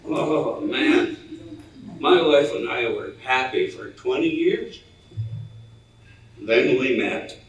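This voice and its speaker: A man's voice: mid-range voice, expressive, slow, pauses often. An older man playing a joking married man at a bar in an amateur stage comedy skit, stammering as he delivers his jokes. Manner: hesitant, stammering joke delivery. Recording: echoey hall, far-off mic, faint noise.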